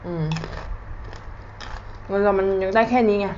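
Casual female eating vlogger, mouth full, mid-pitched, informal; dull lo-fi recording with faint noise. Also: fairly even intonation, measured pace, dark tone. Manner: informal, intimate, as if to a close friend. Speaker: vlogger eating a meal on camera. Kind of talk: casual chat while eating.

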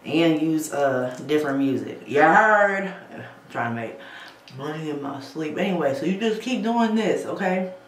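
A woman's voice: low-pitched, moderate pace, darkish tone, slight background noise. A woman giving a casual beauty how-to at a bathroom sink, chatting to viewers and checking in with "okay?" as she goes. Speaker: beauty vlogger. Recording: roomy echo, faint ambience.

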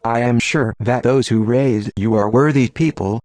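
A man voicing a calm, patient Jedi master in an audiobook, speaking quietly and firmly. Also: mid-range voice, dry recording, close to an everyday voice. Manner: quiet, firm and measured.

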